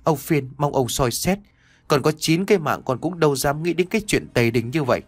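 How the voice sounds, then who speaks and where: A terrified young servant, as a male reader plays him in an audio story, his voice pushed high and lively as he begs in panic. The recording is dry and close. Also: fairly quick, breathy edge, no room sound. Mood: pleading. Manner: pleading, panicked. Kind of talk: audiobook character voice.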